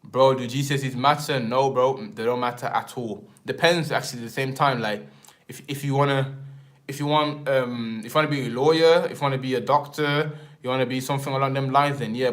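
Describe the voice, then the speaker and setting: Here the young English streamer talks fairly quickly, his mid-range voice steady and a bit bright. He rambles casually in slang, ending lines with tags like "man" and "and that."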